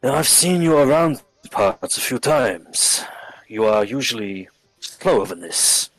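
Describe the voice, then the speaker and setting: A man voicing a calm foreign male stranger in a tabletop game, measured, formal and cold. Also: mid-range voice, poor audio. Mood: cool.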